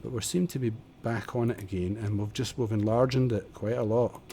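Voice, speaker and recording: Streaming a building game from home, a man chats and mutters casually into a desk condenser microphone, joking at his own expense as he gives tutorial-style commentary. His voice is fairly low, dark, and steady at a normal speed, with a little hiss or hum.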